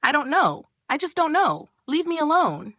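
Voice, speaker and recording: A woman's voice: lowish voice, big pitch swings, normal speed, fairly bright tone, no room sound, clean studio sound, exaggerated voice. A woman voicing a timid young man who whines and stammers, near tears. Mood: panicked. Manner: whiny, stammering.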